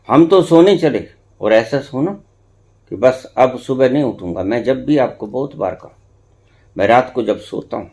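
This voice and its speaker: Male spiritual teacher, middle pitch, slow, very animated delivery, repeats lines for emphasis. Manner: slow, swings between hushed and emphatic, repeats phrases for effect. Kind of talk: discourse to followers.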